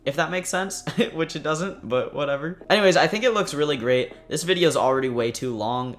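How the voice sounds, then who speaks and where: A man's voice: medium pitch, fairly bright tone. A young man hosting his own video channel, chatting casually and rambling with lots of fillers and self-deprecating asides. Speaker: channel host.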